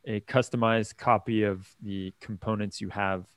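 A man hosting a casual tech interview, upbeat and quick to laugh as he sums up and closes the show. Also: lowish voice, fairly even intonation, a bit bright, smooth, no echo, clean studio sound. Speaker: host.

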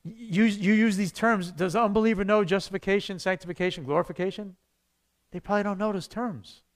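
A pastor teaches his church an evangelism class in a conversational way, suddenly breaking into loud bursts. His voice sits high, with fairly even intonation and a fairly quick pace.

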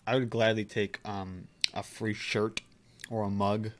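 Low-voiced laid-back podcast host man. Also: little pitch movement, measured pace, fairly bright tone, a little hiss or hum. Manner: laid-back, short reactions and quips. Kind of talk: casual chat.

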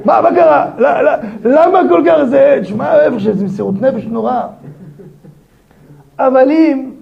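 A rabbi teaching a daily Torah lesson, his voice high-pitched and full of gravelly fry. He talks in a lively way and keeps throwing pointed rhetorical questions at his listeners. The recording sounds dull and lo-fi.

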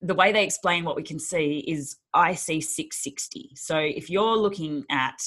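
This interview guest is a young Sydney woman who used to teach and competed as a Paralympian, and she keeps things casual and upbeat, laughing often and using many fillers. She has a deep, slightly bright voice and talks at a normal speed.

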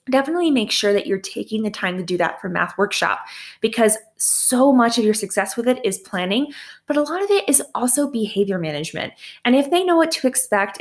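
A young woman teacher talks through her classroom routines in an easy, practical way. She sounds friendly and down to earth, with a mid-range voice, and now and then gives a small laugh at her own slips. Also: mid-range voice. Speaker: teacher sharing classroom tips. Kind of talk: casual instructional talk.

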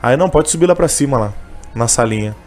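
A man's voice: mid-range voice, lively intonation, fast, a little mellow, faint music behind. A man telling a personal story in a casual interview, emotional and full of fillers. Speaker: interviewee, candy seller who sings on trains.

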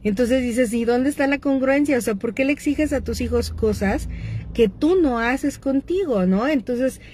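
A woman's voice: high voice, moderate pace, mellow, a little hiss or hum. A middle-aged woman with a Mexican accent, hosting and speaking casually and directly to her audience about addictions, with frequent fillers. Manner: conversational, addresses listeners directly, frequent fillers.

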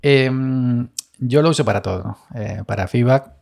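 Gravelly man rambling. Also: mid-range voice, unhurried, a little mellow. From Andalusia, Spain. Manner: rambling, self-deprecating, many fillers and restarts. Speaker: podcaster. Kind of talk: casual solo podcast monologue.

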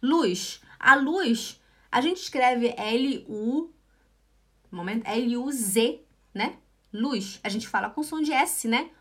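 A Brazilian woman with a Brazilian Portuguese accent teaching German in a live online lesson, drilling words slowly and repeating them over and over, sometimes shushing to show a sound. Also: on the high side, expressive, a bit bright. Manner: slow, exaggerated pronunciation drills; encouraging, repeats herself often.

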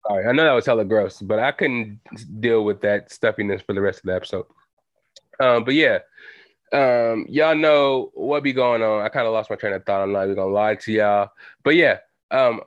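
A young adult man hosts a solo podcast, chatting casually in slang and using lots of filler words. His voice sits fairly low. The recording is dry, with the dull lo-fi sound of a home setup.

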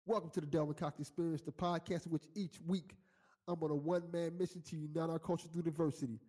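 A man from South Florida hosting a podcast in a relaxed, casual way, laughing easily. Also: on the high side, fast. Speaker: podcast host.

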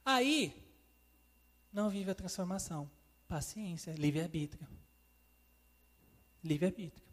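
Slow and frequently pausing, this evangelist preaches in a high-pitched, expressive voice. He addresses listeners as "queridos" and takes on God's voice in quoted lines, recorded with long hall reverb.

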